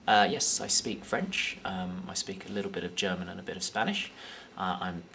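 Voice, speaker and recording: Low, gravelly young Englishman. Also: moderate pace, bright, forceful tone, a little hiss or hum. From United Kingdom. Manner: hesitant, many fillers and restarts. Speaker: guest. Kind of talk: casual interview answers.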